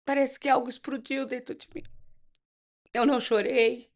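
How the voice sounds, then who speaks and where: A woman's voice: high voice, steady tone, normal speed. A middle-aged woman with a Brazilian accent, from Brazil, telling her personal testimony as an interview guest and acting out the dialogue in her story. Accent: Brazilian Portuguese.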